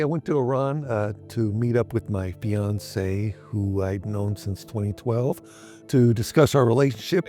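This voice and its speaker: A middle-aged man, a guest in an interview, recounting events in a measured way with frequent pauses and fillers. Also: medium pitch, gravelly, a little mellow. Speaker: interview guest, Navy veteran. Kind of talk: interview storytelling.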